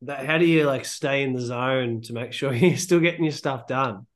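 A man with a medium-pitched voice hosts a casual interview. He speaks informally and in a blokey way, like relaxed conversation. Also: moderate pace. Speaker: interviewer, host.

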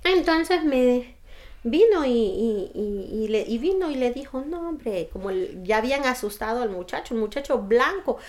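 A woman with a Guatemalan accent gives a personal testimony in an animated retelling, acting out the people she quotes. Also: a little high, normal speed, reverberant. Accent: Guatemalan Spanish. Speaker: interviewee.

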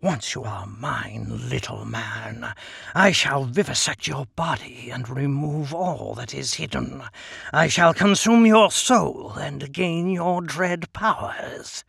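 A man voicing a cunning, menacing giant djinn king, deep-toned and slow, in a hushed threatening manner. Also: gravelly, breathy edge, dry recording, studio quality, exaggerated voice. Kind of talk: audiobook character voice.

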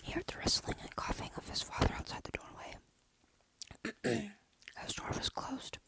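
A storyteller reading a dark horror story aloud in a steady, hushed whisper. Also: moderate pace.

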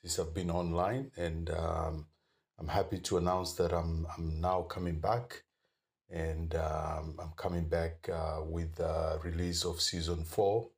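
A man hosting a podcast, introducing it alone and pausing with many ums and uhs. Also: low-pitched, flat delivery. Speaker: podcast host.

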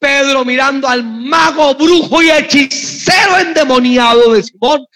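Male preacher, very high and sharp voice, passionate shouting delivery. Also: unhurried. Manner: impassioned, often shouting, storytelling. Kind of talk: sermon.

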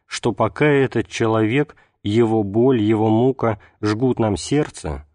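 A man reading a religious text aloud as an audiobook narrator, in a measured, unhurried way. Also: fairly low pitch, mellow, no echo, clean studio sound. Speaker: audiobook reader.

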